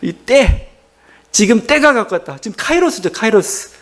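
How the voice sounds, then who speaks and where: A man's voice: high-pitched, lively intonation, normal speed, fairly bright tone. A man preaching a Sunday sermon as pastor, asking the congregation questions and slipping into paraphrased dialogue. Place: church service.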